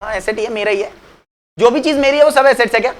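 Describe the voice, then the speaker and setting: A man's voice: extremely high pitch, fast talker. A man teaching accounts in a chatty classroom lecture, asking students questions and answering them himself, often slipping English phrases into his talk. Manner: mixes English phrases into Hindi; calls students "beta" affectionately.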